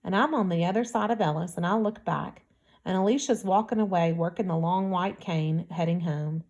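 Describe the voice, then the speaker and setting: A woman's voice: fairly low pitch, moderate pace, a little mellow, lo-fi sound. Woman narrating an audiobook. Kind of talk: first-person audiobook narration.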